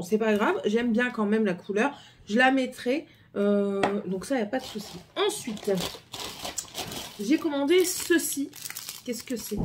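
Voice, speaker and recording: A woman's voice: on the high side, darkish tone, slight background noise. A middle-aged woman with a French accent, chatting casually through a haul video with many hesitations and repeats. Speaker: vlogger.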